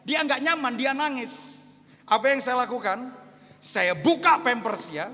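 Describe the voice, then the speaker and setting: High, bright-voiced pastor preaching. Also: male voice, lively intonation, measured pace. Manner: storytelling, addresses congregation as Pak and saudara; swings from hushed to loud, fervent. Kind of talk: sermon. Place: church hall. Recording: long echo of a church hall.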